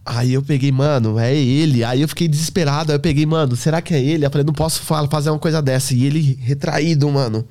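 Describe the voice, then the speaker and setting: A man's voice: on the high side, fast, hardly any pauses. A man telling stories in a casual podcast, acting out dialogue with street slang. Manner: animated, acts out dialogue with slang. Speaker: hair stylist guest.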